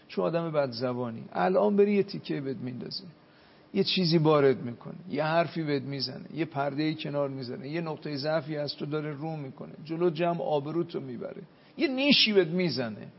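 Gravelly preaching man in a reverberant hall. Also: a little high, muffled recording. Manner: preaching with Arabic hadith quotes, storytelling. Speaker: cleric. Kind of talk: religious talk on a TV show.

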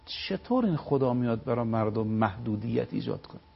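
A man giving a religious talk on a live TV program. He tells moral stories and recites sayings slowly, stressing each word. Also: medium pitch, animated, creaky, husky, highs cut off. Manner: preaching, storytelling, slow stressed recitation of sayings. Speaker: religious speaker.

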